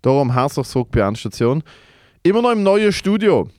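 Teasing Swiss German podcast host. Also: male voice, very animated, fairly quick, a little mellow, dry recording, studio quality. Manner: teasing, laughs often, jumps in high when joking. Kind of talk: casual banter. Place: small studio room.

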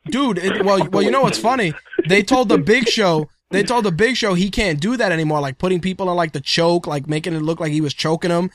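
A man's voice: sits high, brisk, few pauses. A man co-hosting a radio-style talk show, rambling casually, acting out quoted voices and laughing often. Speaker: podcast co-host. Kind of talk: casual wrestling chat.

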